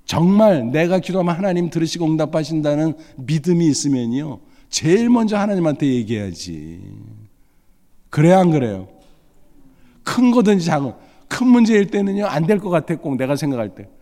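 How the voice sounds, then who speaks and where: A middle-aged male pastor tells a warm-toned, mellow family anecdote from the pulpit, slipping into the voices of the people in the story. His voice has a dark, relaxed tone, and the long reverb of a large hall trails behind it. The delivery is folksy and full of humor. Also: a little high, fairly quick. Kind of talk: sermon with storytelling.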